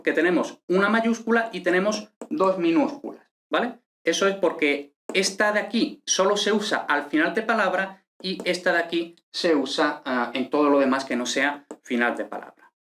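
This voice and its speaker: A man's voice: a little high, moderate pace, fairly bright tone. Spanish man teaching a lesson. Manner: explanatory, checks in with frequent tag questions. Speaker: teacher of ancient Greek. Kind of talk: online lesson.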